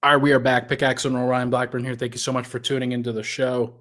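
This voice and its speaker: A man's voice: medium pitch, little pitch movement, quick pace, fairly bright tone. A man hosting a casual sports podcast, thinking aloud in a conversational way and sounding a little out of breath. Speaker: podcast host.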